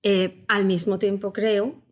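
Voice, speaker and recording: A woman executive coach explaining ideas step by step in a calm conversational interview. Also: mid-range voice, slow pace. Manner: warm, methodical, explains step by step. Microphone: podcast studio microphone.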